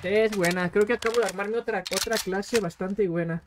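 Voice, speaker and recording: A man's voice: high-pitched, fairly even intonation, normal speed, background noise. A man chatting casually on a game live stream, rambling in slang and repeating words as he plays. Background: game music.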